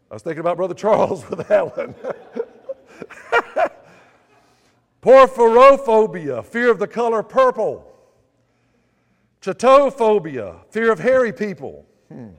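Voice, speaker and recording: A man with a notably high voice preaching a sermon, mixing prayer with light, humorous storytelling. His voice rings out with a long reverb tail, as if filling a large hall. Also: sing-song, takes it slowly, long pauses. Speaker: pastor.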